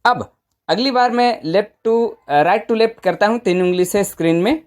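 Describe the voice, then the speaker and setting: Woman, mid pitch, informal tutorial presenter, step-by-step explanation, conversational, frequent check-in questions. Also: a little slow, darkish tone. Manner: conversational, often seeks confirmation with short tag questions.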